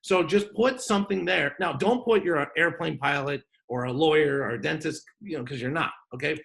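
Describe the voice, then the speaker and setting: A man's voice: fairly high pitch, fairly quick, gravelly, fairly bright tone. A man hosting an online business workshop over a video call, talking in a joking, off-the-cuff way. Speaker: workshop host.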